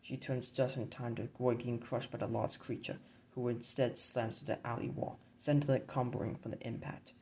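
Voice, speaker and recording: A man narrating a dark board game campaign in a measured, grim storybook reading. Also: mid-range voice, level tone, slight background noise, poor audio.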